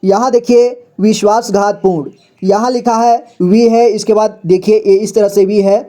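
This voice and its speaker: A man teaching reading in a slow, patient lesson, spelling each word out and repeating it several times. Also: high voice, steady tone, warm tone. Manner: patient, repeats each word slowly and often says "ठीक है".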